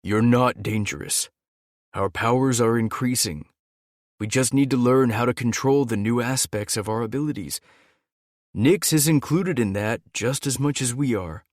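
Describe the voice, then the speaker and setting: A man voicing a young male gargoyle shifter who talks earnestly and urgently, a little higher and louder than his narration. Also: normal speed, dry recording, clean studio sound, close to an everyday voice. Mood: reassuring.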